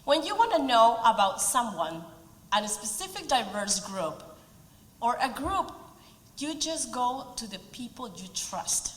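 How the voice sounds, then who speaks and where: Her voice is a little high and sing-song, her pace measured. She is a Peruvian woman in her forties with a Spanish accent, giving an earnest, gently funny prepared speech at a community event, recorded with the roomy reverb of an event hall.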